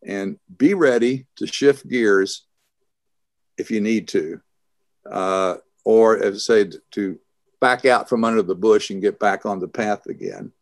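An older man, answering interview questions as an author in a thoughtful, halting way with many restarts. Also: on the low side, no room sound, studio quality. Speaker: author and guest.

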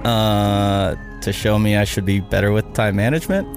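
A man playing a frazzled young male video editor, prone to yelping, excitable outbursts. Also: on the low side, moderate pace, over music, pitched below the performer's own voice, lightly acted. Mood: bewildered.

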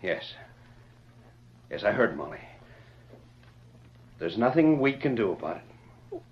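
A secretive, middle-aged father in a vintage radio drama, with a lively voice that turns curt and tense. The sound is a dull old broadcast recording. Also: on the high side, normal speed. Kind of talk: 1940s radio acting.

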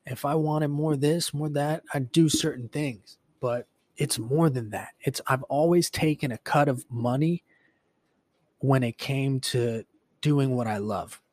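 Man, late 20s, solo podcast host; loose, rambling, profane, mid-pitched, dry close mic. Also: a little slow, darkish tone, no room sound. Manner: rambling, frequent swearing and fillers. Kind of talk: casual solo reflection.

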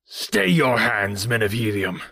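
A man reading aloud as a furious male ruler who shouts commands with his voice trembling in rage. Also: lowish voice, very animated, measured pace, gravelly, breathy edge, no echo, heavily acted. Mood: enraged.

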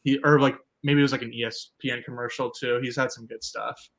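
A man's voice: medium pitch, little pitch movement, a little fast, gravelly, fairly bright tone. A man co-hosting a sports podcast, talking casually and filling his sentences with "like". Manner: fills his speech with "like". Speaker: podcast co-host. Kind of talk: casual chat.

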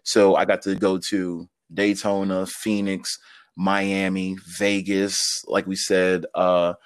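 A man in his thirties, a podcast guest, telling stories in quick, laughing, filler-heavy casual talk. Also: low-pitched, level tone, clean tone, no room sound, studio quality. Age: 30s. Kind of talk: casual interview storytelling.

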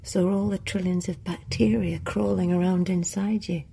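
An actress playing a calm, blunt, earthy female retreat leader in an audio drama, with deadpan, unhurried delivery. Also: lowish voice, gravelly.

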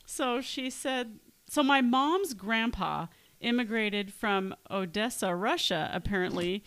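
A woman's voice: on the high side, takes it slowly, fairly bright tone, clear, resonant tone. A woman co-hosting a podcast in casual chat, chatty and laughing often. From Pacific Northwest of the US. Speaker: podcast co-host.

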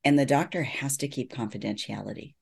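Gravelly and husky at medium pitch, the voice of a middle-aged psychologist guest carries earnest, reassuring explanations delivered in a measured manner during a conversational interview.

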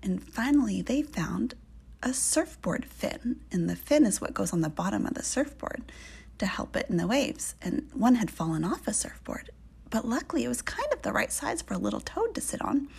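A woman softly whispering a children's story in a breathy, gentle, slow way. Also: on the high side, sing-song. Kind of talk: whispered bedtime story narration.

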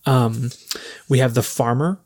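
A man's voice: medium pitch, a little slow. Easygoing man explaining game rules. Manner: relaxed, explains rules with many fillers. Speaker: game master. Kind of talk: casual game prep chat.

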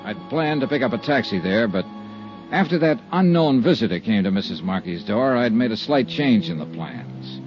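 A man's voice: fairly low pitch, expressive, normal speed, music in the background, lightly acted. An actor playing a blunt, world-weary male insurance investigator in an old radio drama, narrating in clipped, sardonic tones. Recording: dull lo-fi old radio broadcast.

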